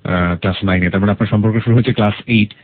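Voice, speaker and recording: Speaking rapid-fire in a lowish, steady voice over phone-quality audio, a Bangladeshi-accented radio host probes his guest's life story. He asks searching questions and explains points for his listeners.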